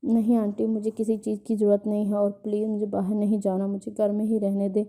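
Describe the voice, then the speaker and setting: A woman's voice: medium pitch, monotone, mellow, natural voice. A woman reading the lines of a frightened young woman with no memory, pleading and distressed, in a storybook reading.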